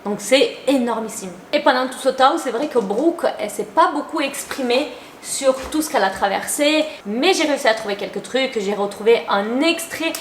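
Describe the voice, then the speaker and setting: A woman's voice: sits high, expressive, normal speed, a little hiss or hum. A young adult woman giving casual, chatty commentary to her viewers, opinionated and full of slang. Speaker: YouTuber. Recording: roomy echo.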